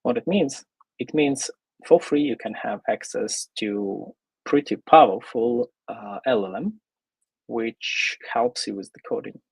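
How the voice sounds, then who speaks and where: A man from Ukraine, presenting an online tech talk as a software developer, casual and full of fillers. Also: mid-range voice, breathy edge, no echo, low-quality recording. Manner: casual, pausing often with fillers.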